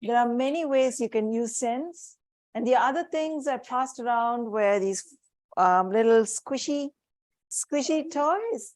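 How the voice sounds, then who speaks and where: Speaking unhurriedly in a fairly high voice with no echo, an Indian-accented psychiatrist leads a warm, practical parenting workshop, showing objects as she goes. The talk is live, addressed to both the room and a Zoom audience.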